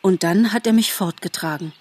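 A woman's voice: medium pitch, moderate pace, darkish tone, dry recording, close to an everyday voice. Gobo, a woman as a boastful young buck. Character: young male deer, boastful and earnest.

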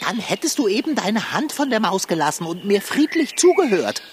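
A man's voice: sits high, very animated, a little fast, slight background noise. A man playing a pompous, lecturing fat tomcat. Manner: elaborate, lecturing, know-it-all phrasing. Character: fat pompous male tomcat, nitpicking and food-loving. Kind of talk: children's radio play acting.

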